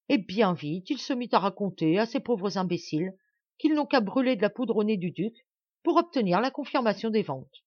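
A woman's voice: mid-range voice, darkish tone, no echo, close to an everyday voice. Furious young peasant man, read by a woman, heated, dull lo-fi sound. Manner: heated, scornful outburst. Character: angry young male peasant, robust and furious.

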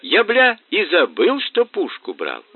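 A man's voice: mid-range voice, very animated, normal speed, breathy edge, no room sound, pitched above the performer's own voice. A man voicing a drunk, rowdy thug who blusters coarse threats; tinny, dry recording. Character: drunk, rowdy middle-aged male thug. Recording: tinny phone-like band, dry.

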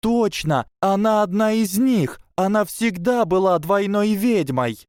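A man voicing a shrill, hysterical schoolgirl witch, shrieking until the voice cracks. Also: drawn-out words, dark tone, clear, resonant tone, dry recording, clean studio sound.

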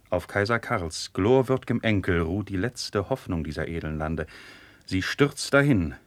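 Very deep voice, a grave loyal nobleman, measured verse, dry close sound. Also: fairly bright tone, dry recording. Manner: measured, earnest verse delivery. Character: grave loyal nobleman, the prince's childhood friend. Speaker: actor in a radio play. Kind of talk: classical verse radio drama.

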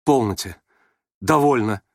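A man voicing a meek young prince who speaks quietly and tremblingly. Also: high voice, sing-song, slow, breathy edge, dry recording, studio quality, pitched above the performer's own voice, exaggerated voice. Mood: shaken, gentle. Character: gentle, shaken young prince.

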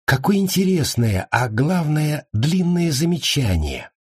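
A blunt young woman who speaks with firm, sarcastic edges, acted out by a man in an audiobook. The voice sits high and husky with a lively pitch, recorded dry. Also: unhurried, no echo, heavily acted. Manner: firm, sharp.

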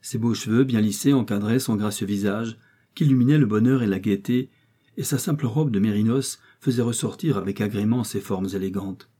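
A man narrating a classic novel in a steady, measured way. His voice is dark and mellow, with a husky grain, and sits at a mid pitch. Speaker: audiobook reader. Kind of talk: scripted storybook narration.

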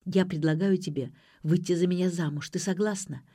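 A man's voice: high-pitched, steady tone, brisk, dark tone, breathy edge. A woman reading aloud voices a young man who tenderly and persuasively coaxes his girlfriend. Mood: coaxing. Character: smooth-talking young man coaxing a girlfriend.

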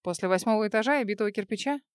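A woman's voice: mid-range voice, rapid-fire, clean tone, no echo, lightly acted. Brief: a woman playing a protective man, firm and urgent, with a close, dry tone. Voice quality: firm, commanding.

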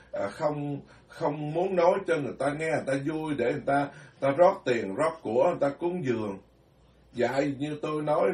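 A man's voice: fairly high pitch, darkish tone. A man, a Buddhist monk giving a blunt, scolding sermon with self-deprecating asides. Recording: echoey room, far from mic.

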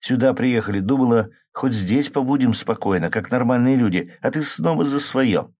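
A man's voice: medium pitch, moderate pace, a little mellow, no echo, studio quality, pitched above the performer's own voice, lightly acted. A man voicing an upset young woman who sighs and pleads plaintively, in an audiobook. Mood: pleading. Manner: plaintive, sighing. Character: upset young woman, worried about her drinking man.

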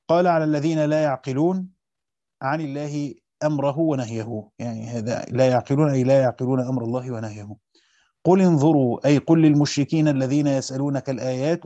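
A man, a teacher who reads a classical commentary quickly and breaks in with short colloquial asides. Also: mid-range voice, dark tone, no room sound. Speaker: teacher of Quranic exegesis. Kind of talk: rapid reading of a classical text with brief explanations. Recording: dull, dry lo-fi recording.

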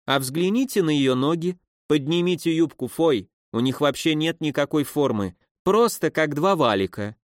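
A man's voice: a little high, expressive, normal speed, hardly any pauses, dry recording, natural voice. Sneering old drunk lady, a guy putting her on, mocking and bossy, dry close sound. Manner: sneering, scolding, loudly theatrical.

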